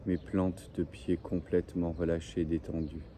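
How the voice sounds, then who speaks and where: A man leading a guided breathing and relaxation meditation in slow, soothing, repetitive phrases, like a relaxation guide. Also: sits low, flat delivery, dark tone. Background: faint birdsong and ambient noise.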